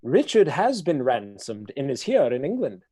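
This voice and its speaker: In a radio play, a commanding villainous earl schemes in a dark, mellow voice whose pitch swoops wildly. He talks at a normal speed, smooth, cold and condescending.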